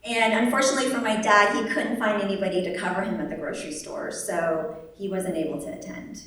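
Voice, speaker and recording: Young woman storyteller at a live event, dry humor, animated impressions; distant mic, very roomy hall. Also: medium pitch, fast talker. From born in Vietnam, raised in the United States. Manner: wry and humorous, animated, lively quoted voices. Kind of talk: live personal storytelling on stage. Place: large echoey venue at a live event.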